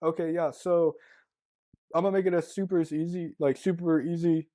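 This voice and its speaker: A man's voice: on the high side, fairly even intonation, normal speed, dark tone. A man co-hosting a podcast in casual chat, rambling and packing his talk with "like" as he thinks aloud. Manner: rambling, filler-heavy, lots of "like". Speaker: podcast co-host.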